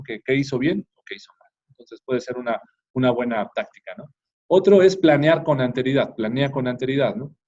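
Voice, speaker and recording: Husky man teaching parents, tagging "no?". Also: medium pitch, a little mellow. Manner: frequent tag "¿no?" and restarts. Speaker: parenting course speaker. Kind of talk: informal talk to parents. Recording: dull lo-fi recording.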